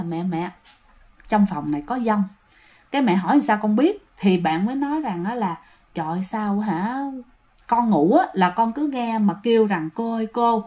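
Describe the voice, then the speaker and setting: Woman narrator, slightly high voice, casual ghost-story telling, talks straight to listeners. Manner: chatty, addresses listeners directly.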